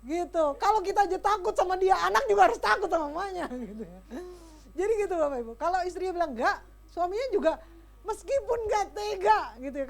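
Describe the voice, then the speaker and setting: Fast, high-voiced woman lecturing parents. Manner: lively, chatty, addresses audience directly. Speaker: parenting seminar speaker. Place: school hall.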